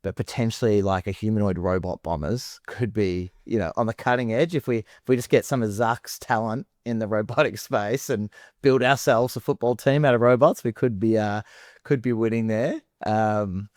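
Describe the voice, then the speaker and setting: Man, Australian accent, podcast co-host, laid-back, lowish pitch, dry sound. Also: normal speed, a little mellow, no echo. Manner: laid-back, laughs often, swears casually. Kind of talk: casual chat.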